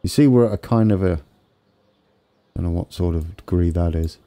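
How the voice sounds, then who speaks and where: A man's voice: sits low, a little fast, warm tone. A man with a wheezy, congested voice giving casual commentary on a game build, tentatively thinking aloud as he goes. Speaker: gaming video host.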